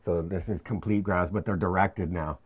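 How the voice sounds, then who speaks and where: A young man with a lowish voice talks through his research at a whiteboard, picked up by a camera mic. He is chatty and loose, joking as he goes and often breaking off to restart a sentence. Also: fairly even intonation, normal speed, husky. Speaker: PhD student explaining his research. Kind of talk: informal whiteboard lecture.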